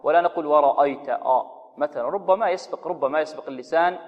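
A man gives a tajweed lesson in a fairly high voice. He keeps asking "what?" and then answers his own question, and he slows down to chant short verse examples. The recording is dull and lo-fi, with a long echo trailing behind him. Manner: asks rhetorical questions and answers them himself; slowly intones sample verses to demonstrate pronunciation. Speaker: Quran recitation teacher.

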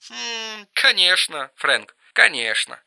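A man voicing an erratic, mocking young man on the phone in an audiobook reading, shrill and teasing. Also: heavily acted. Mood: sly. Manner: shrill, teasing, quick swings to flat calm.

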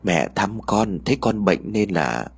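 A man's voice: lowish voice, very animated, gravelly, husky, voice pushed down, full character voice. A man voicing a sighing, sorrowful old woman. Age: older. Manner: soft, sighing, slow. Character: older woman, sorrowful mother-in-law.

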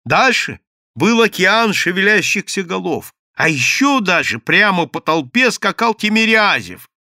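A man narrating a classic novel as an audiobook reader, lively and expressive. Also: high voice, a little slow, no room sound, studio quality.

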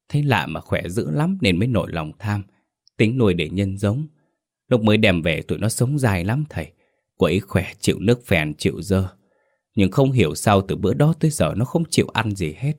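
Brief: a man doing a frightened old fish farmer, stammering, quick and anxious, low voice. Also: big pitch swings, darkish tone. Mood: uneasy.

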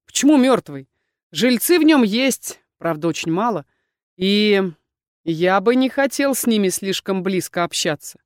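A woman voicing a calm young male fighter in an audiobook, with a wry, reassuring way of speaking. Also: medium pitch, measured pace, no echo, clean studio sound, natural voice. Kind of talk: audiobook reading.

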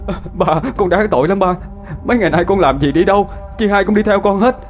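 A man's voice: mid-range voice, a little fast, soft background music, natural voice. A man voicing a stammering young man, in a storybook ghost tale. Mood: pleading. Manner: stammering, pleading when scared.

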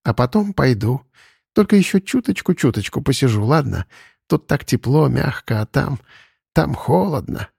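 A man voicing a skinny, meek stray male cat in a storybook, speaking softly and pleadingly. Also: mid-range voice, very animated, measured pace, husky, no room sound, studio quality, heavily acted. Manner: soft, pleading, hushed.

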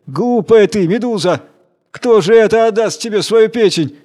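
A man's voice: a little fast, natural voice. A man doing a sly mocking monkey. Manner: taunting, higher-pitched.

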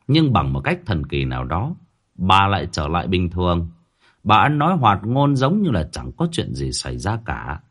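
A man narrating a horror story in a dramatic manner, slowing down at tense moments. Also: deep voice.

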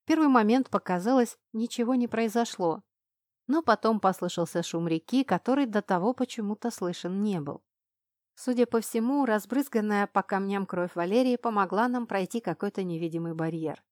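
A woman reading a first-person fantasy story aloud, shifting her pitch and loudness to voice the characters. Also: moderate pace, no room sound, clean studio sound. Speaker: audiobook narrator. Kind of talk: first-person audiobook narration.

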